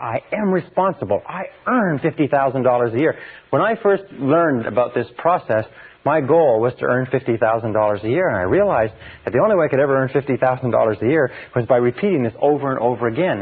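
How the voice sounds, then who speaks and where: A man delivering an earnest self-help lecture, repeating phrases over and over for emphasis. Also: mid-range voice. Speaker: motivational speaker. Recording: tinny phone-like lo-fi audio.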